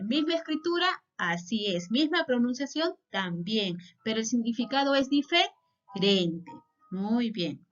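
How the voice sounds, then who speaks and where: Patient Peruvian woman teacher, unhurried, muffled lo-fi recording. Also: a little high, fairly bright tone. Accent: Peruvian Spanish. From Peru. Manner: patient, checks in with repeated questions. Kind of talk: classroom lesson. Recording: dull lo-fi sound.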